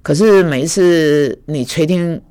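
A man's voice: fairly high pitch, a little slow, a little mellow, clear, resonant tone, no room sound. A middle-aged man preaching a sermon in a reflective, hesitant way, with many filler sounds.

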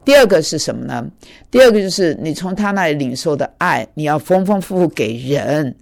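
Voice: mid-range voice, lively intonation, a little fast, creaky. A preacher giving a conversational sermon, telling a personal story with many fillers and English words mixed in.

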